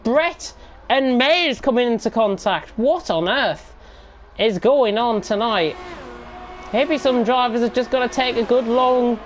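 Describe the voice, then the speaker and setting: A woman's voice: a little high, slight background noise. A woman giving live motorsport commentary on an online race, exclamatory and repeating phrases for emphasis.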